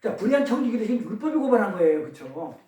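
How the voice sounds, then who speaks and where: Male pastor, high voice, lively call-and-response sermon, distant mic, roomy echo. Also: quick pace. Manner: questions the congregation, call-and-response; tells pun riddles. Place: church service. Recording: echoey room, distant mic.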